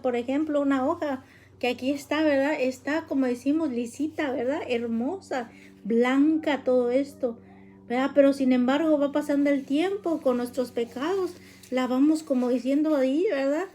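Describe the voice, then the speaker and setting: Woman, religious teacher, high soft-toned voice, casual hesitant delivery full of fillers. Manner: explains with constant tag questions and fillers; plain, patient, conversational.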